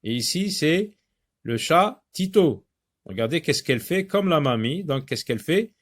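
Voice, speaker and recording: A man teaching a reading lesson to young children, repeating words slowly and patiently with many hesitant fillers. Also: a little high, lively intonation. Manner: slow, patient, repeats words and syllables for learners; frequent hesitations with drawn-out fillers.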